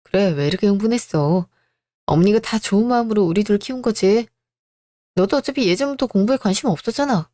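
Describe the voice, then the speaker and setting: A woman's voice: medium pitch, a little fast, warm tone, dry recording, lightly acted. A woman voicing a smug, condescending elder brother who brushes off his younger brother's complaints. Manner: condescending, placating.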